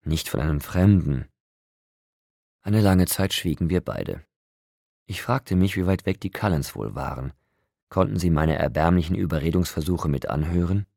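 A man narrating a novel in the first person, in a steady, restrained storytelling manner. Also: low voice, normal speed, creaky, no room sound, clean studio sound. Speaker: audiobook narrator.

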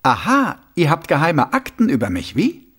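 A man's voice: fairly high pitch, wildly swooping pitch, moderate pace, vocal fry, slightly rough, pitched above the performer's own voice, heavily acted. A man doing a suspicious young zealot. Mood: insistent. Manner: suspicious, insistent. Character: zealous young male revolutionary, Reg.

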